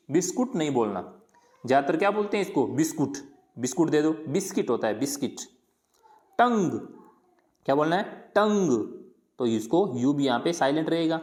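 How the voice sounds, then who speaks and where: Here a teacher, in a medium-pitched and slightly mellow voice, patiently works through pronunciation. The talk is colloquial and explanatory: a question, its answer, then several repetitions of each word.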